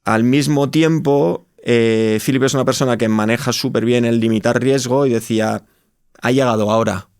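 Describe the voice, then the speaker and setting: Speaking as a guest in an interview, a male startup co-founder from Madrid, Spain, reflects on his personal story in Spanish-accented speech, frequently rewording what he says. His medium-pitched voice is a little mellow and clean, with fairly even intonation at a normal speed. It's studio quality with no echo.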